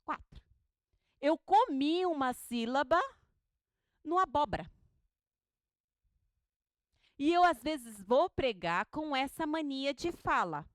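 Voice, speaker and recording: A woman teaching a homiletics class, animated and questioning, who drills words syllable by syllable with her students. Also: high-pitched, takes it slowly, long pauses, no room sound. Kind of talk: classroom lecture.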